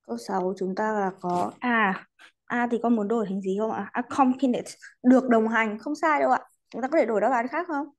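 Female teacher, slightly high voice, courteous and patient, mixes English into class talk. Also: brisk. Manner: polite, patient, adds courteous particles to most sentences; mixes English words into explanations. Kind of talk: online class lesson.

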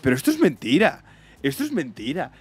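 With wildly swooping pitch and a fairly quick pace, a young man from Spain reacts to a video over soft background music. His Spanish-accented commentary is casual, blunt, slangy, and profane, and he mocks others in shrill put-on voices.

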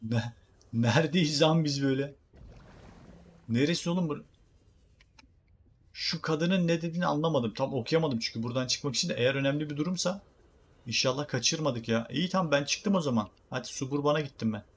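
Excitable Turkish gaming streamer. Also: male voice, fairly high pitch, brisk, pauses often, slightly rough. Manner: excitable, jokey, talks to viewers. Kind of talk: game commentary.

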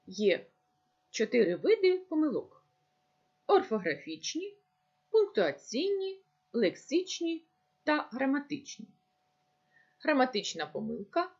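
A woman teacher giving a recorded lesson, speaking slowly and deliberately as if dictating. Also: high-pitched, huge pitch swings, darkish tone, breathy edge, lo-fi sound. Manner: slow, deliberate dictation-like delivery.

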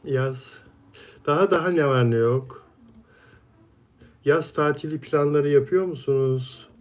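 A man's voice: fairly high pitch, measured pace. A man hosting a casual live stream, reading viewer comments aloud and answering each viewer by name in a friendly, chatty way.

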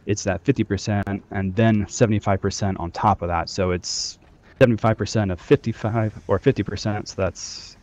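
At a normal speed and with fairly even intonation, a man with a fairly low, darkish voice leads a game training session. He's the squad trainer, speaking over group voice chat and giving loose instructions peppered with fillers.

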